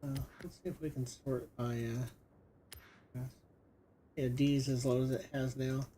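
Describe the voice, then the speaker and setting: A man's voice: medium pitch, little pitch movement, measured pace, dark tone, a little hiss or hum. A middle-aged man giving casual commentary while he plays, thinking aloud with lots of fillers. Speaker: gaming streamer.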